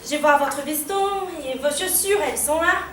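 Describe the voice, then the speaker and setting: An actress playing a confused, frightened teenage girl in a stage monologue, swinging between hushed murmurs and shrill cries, recorded from far off in an echoey hall. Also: normal speed, a little hiss or hum. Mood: dreamy. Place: theater stage.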